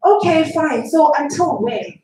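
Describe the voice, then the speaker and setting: A young woman from Zimbabwe speaks from the floor of a hall, emotional and a little shaky, pressing her point quickly. Her voice sits fairly high. It comes from far off in a very echoey room. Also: animated, a little mellow. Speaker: audience member asking a question. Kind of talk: impassioned question from the floor. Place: lecture hall at a public event.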